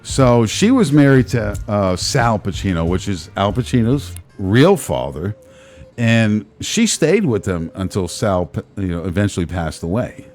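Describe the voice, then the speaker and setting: A male talk show host with a Brooklyn accent and a low, lively voice. He chats casually and rambles, circling back over his phrases. Faint music plays behind him. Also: unhurried. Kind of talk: casual live show chat.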